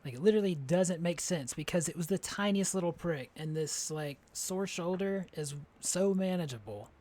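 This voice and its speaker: A man's voice: on the high side, expressive, normal speed, darkish tone. A man streaming, chatting casually with a friend, rambling with lots of filler words and frequent laughter. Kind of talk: casual chat. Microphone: streaming setup.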